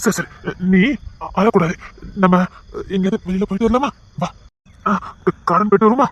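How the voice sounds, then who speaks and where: Guy doing a soft pleading husband, highish voice, dry close sound. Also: moderate pace, no room sound, muffled recording. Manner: tender, pleading consoling. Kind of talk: dubbed serial drama with one voice doing many roles.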